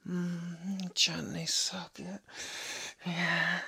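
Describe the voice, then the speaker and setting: A man speaking an intimate monologue, mostly in a hushed, breathy whisper that lingers on each phrase. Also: a little high.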